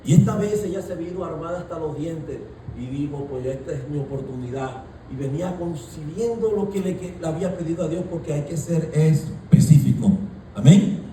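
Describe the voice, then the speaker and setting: Man pastor, preaching sermon, mellow dark tone, roomy echo from distance. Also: on the high side, a little hiss or hum. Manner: preaching with rising shouts and colloquial asides. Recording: echoey room, voice from far off.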